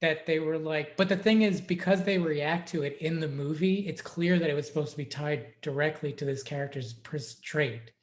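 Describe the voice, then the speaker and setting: A man co-hosting a podcast, chatting casually with frequent laughs and halting restarts. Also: a little high. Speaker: podcast co-host. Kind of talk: casual chat.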